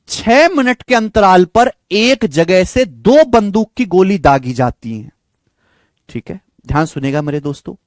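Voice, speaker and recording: A high-voiced man teaches a maths word problem, his pitch swinging widely as he stresses each step. He repeats phrases over and over, imitates gunshot sounds and calls his students "beta" and "dear friends". The recording is close and dry. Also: dry recording.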